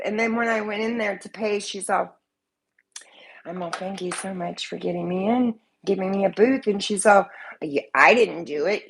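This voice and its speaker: A lowish female voice comes through with a little hiss or hum. She's a vlogger who makes soap, slightly sick with a cold, rambling and swearing freely in a casual chat to camera at home with her living room in view.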